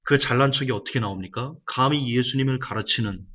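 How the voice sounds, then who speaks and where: A man's voice: mid-range voice, fairly quick, pushed and bright, dull audio. A male pastor preaching a sermon with emphatic repetition of key phrases.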